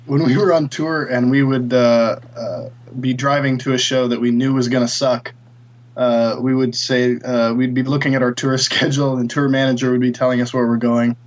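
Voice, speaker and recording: A touring musician in a casual podcast chat, sharing trivia and road stories. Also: male voice, medium pitch, little pitch movement, moderate pace, highs cut off.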